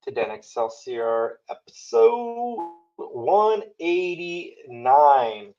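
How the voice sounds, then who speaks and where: Man, podcast co-host, upbeat intro, lively pitch, big hall echo, dull muffled audio. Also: very slow, soft background music. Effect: echoey, hall-like audio from a misrouted mic system. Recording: dull, echoey remote audio.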